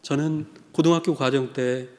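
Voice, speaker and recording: A middle-aged man from South Korea preaching a sermon as a missionary, moving from quiet personal storytelling to fervent exhortation. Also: mid-range voice, fairly even intonation, normal speed. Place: church sanctuary. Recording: church hall with long reverb.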